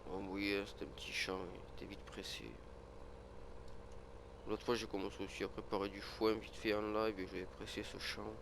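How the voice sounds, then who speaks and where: In a low-leaning, gravelly voice, a man with a cold delivers flat, normal-speed commentary on his farming game. The gaming creator sniffles and rambles, restarting often and using plenty of fillers, while background noise can be heard.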